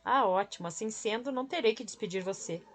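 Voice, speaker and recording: A woman's voice: a little high, quick pace, natural voice. Woman voicing a stern older woman, firm and dry, audiobook. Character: stern older woman, plant nursery owner.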